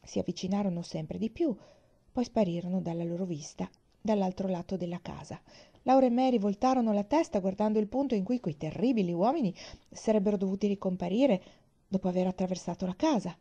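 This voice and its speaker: A woman reads a children's story aloud in a gentle, measured way. Her tone is mellow and warm, and her pitch sits in an ordinary middle range. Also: muffled recording. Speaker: audiobook reader.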